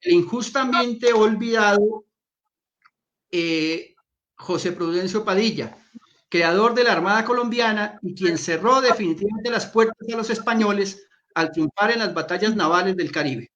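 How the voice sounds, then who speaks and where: A man moderating a literary panel, reading a book blurb aloud in a measured, formal way before turning to his guest. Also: high voice, a bit bright. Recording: dull lo-fi audio.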